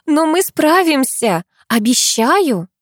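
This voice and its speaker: A woman reading an audiobook, voicing a sweetly scheming young woman who speaks in a bright, coaxing, sugary way. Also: high voice, sing-song, slow pace, no room sound, clean studio sound, voice pushed up, full character voice. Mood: sugary, scolding.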